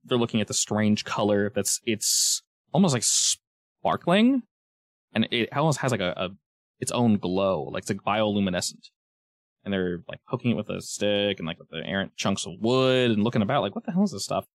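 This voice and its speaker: A man running a tabletop game, improvising casual, descriptive narration and pausing to search for words. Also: on the low side, lively intonation, dry recording. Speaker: game master.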